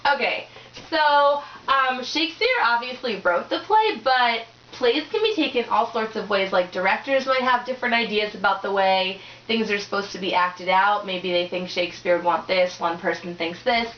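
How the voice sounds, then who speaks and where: A woman's voice: mid-range voice, normal speed, hardly any pauses, a little hiss or hum. A young woman tutoring, chatty and encouraging, with many likes and ums. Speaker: tutor leading a discussion. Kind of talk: casual teaching conversation. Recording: roomy dull lo-fi recording.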